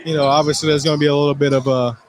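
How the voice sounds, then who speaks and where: A man's voice: a little high, little pitch movement, racing, crowd noise. A man giving local radio color commentary at a basketball game, talking loosely with lots of "you know" fillers. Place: basketball gym, courtside.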